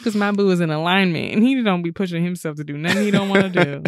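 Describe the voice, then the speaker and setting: A woman's voice: lowish voice, quick pace, dry recording, studio quality. A woman co-hosting a podcast in casual chat, telling stories with lots of "like" and acted-out quotes. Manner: animated storytelling, acts out quoted dialogue, frequent "like".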